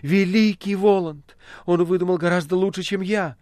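A man voicing an ecstatic young woman, high and exclaiming. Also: moderate pace, a little mellow, no room sound, studio quality, close to an everyday voice. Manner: raised, exclaiming voice. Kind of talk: audiobook character voice.

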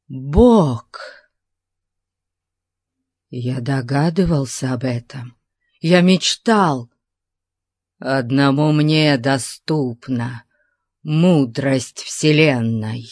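A woman voicing a cruel, fanatical male tyrant priest who speaks low, slow and menacing. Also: dry recording, clean studio sound, heavily acted.

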